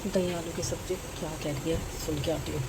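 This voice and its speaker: A woman's voice: sits low, fairly even intonation, brisk. A middle-aged woman casually vlogging at home, chatting as she works through her chores and cooks in her kitchen. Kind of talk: casual home vlog narration. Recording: frying sizzle and household noise behind.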